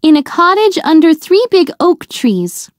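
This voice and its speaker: A woman's voice: very high voice, sing-song, unhurried, no echo, studio quality, voice pushed up, exaggerated voice. A woman voicing a sweet, innocent little girl in a fairy tale, with an exclaiming, singsong delivery.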